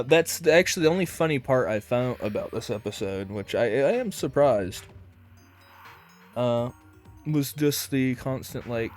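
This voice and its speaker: A man giving a casual, rambling commentary review of a cartoon episode, with lots of fillers and hedges. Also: medium pitch.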